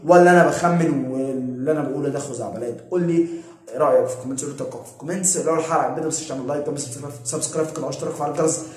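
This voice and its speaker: Fast-talking Egyptian man, argumentative. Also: fairly high pitch, darkish tone, roomy sound. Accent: Egyptian Arabic. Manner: rapid, repetitive, argumentative. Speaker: football commentator and channel host. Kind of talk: casual opinion vlog.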